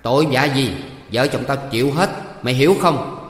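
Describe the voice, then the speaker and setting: A man voicing a bossy, quick-tempered middle-aged village wife who scolds and shouts threats. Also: medium pitch, close to an everyday voice. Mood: furious. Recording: echoey room with long reverb.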